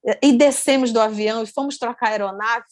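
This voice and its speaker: A woman with a Brazilian accent giving an online study talk, telling stories in an animated way and repeating words for emphasis. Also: a little high, fast, no echo. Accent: Brazilian Portuguese. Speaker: invited speaker. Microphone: video call.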